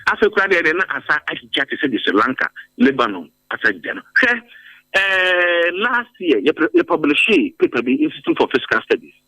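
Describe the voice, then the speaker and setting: A man's voice: a little high, wildly swooping pitch, fairly quick, bright, forceful tone, no room sound, low-quality recording. A Ghanaian man giving emphatic commentary in a radio interview, repeating phrases for force. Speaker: interviewed policy analyst. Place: radio studio.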